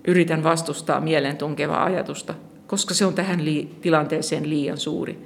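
A narrator reading a first-person short story in a calm, steady storytelling manner. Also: mid-range voice, vocal fry, a little hiss or hum.

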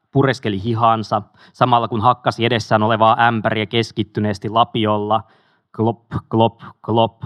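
A man reading a memoir aloud in a steady, measured way, with a few casual asides. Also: fairly low pitch, no room sound, studio quality. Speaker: audiobook reader.

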